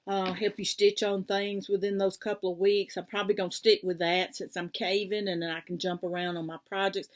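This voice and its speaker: A woman hosting a casual crafting vlog, rambling and easily sidetracked, with many fillers. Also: mid-range voice. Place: home craft room.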